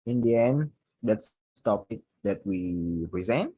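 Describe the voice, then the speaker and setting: A young man from Indonesia with an Indonesian accent, a student giving a class presentation, reading prepared points haltingly and correcting himself. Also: on the low side, animated, husky, dry recording, highs cut off. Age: young adult.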